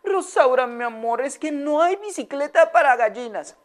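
A doting, tender lady who coos at her pet hen in a high, sweet voice, as a woman storyteller puts her on. Her pitch leaps and swoops warmly through every phrase. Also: expressive, normal speed. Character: doting older woman, hen owner, loving.

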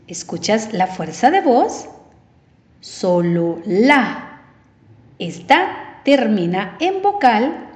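Slow, lively woman teaching. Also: fairly high pitch. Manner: slow and deliberate, stretching out example words. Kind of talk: recorded distance-learning lesson. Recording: roomy, slightly dull sound.

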